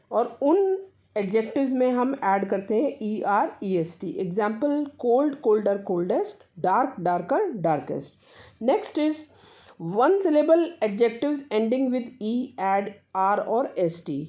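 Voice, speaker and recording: A woman teaching a grammar lesson, explaining rules step by step and reading example sentences slowly and deliberately. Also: fairly high pitch, dark tone, muffled recording.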